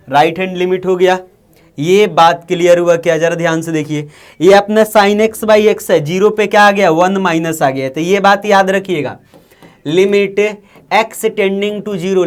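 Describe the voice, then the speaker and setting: A man's voice: high voice, clean tone. A man from India with a Bihari Hindi accent, teaching an online maths lecture, who repeats himself and keeps asking the class if they follow. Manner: repetitive, coaxing, asks the class often.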